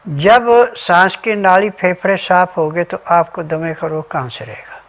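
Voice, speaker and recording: Speaking a little slowly in a high voice, a man acts as a remedy advisor in a health talk, going through ingredients and dietary rules one step at a time.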